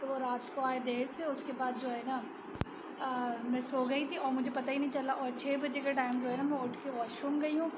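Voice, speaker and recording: In a very noisy home vlog, a young woman who is a mother talks at normal speed in a high-pitched voice that barely moves in pitch. She's chatty and repeats herself loosely, often filling pauses with "jo hai na."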